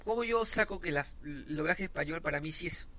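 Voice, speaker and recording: Hombre de voz brillante, charlando con opiniones firmes. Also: male voice, a little high, fairly quick, pushed and bright. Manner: chatty, opinionated, frequent "eh" fillers. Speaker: podcast co-host. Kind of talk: casual debate chat.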